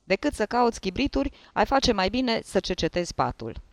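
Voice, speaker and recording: In a read-aloud story, a man voices an irritable, bossy middle-aged investigating judge, speaking curtly and scolding in a slightly high voice with big pitch swings. The recording is dry and close.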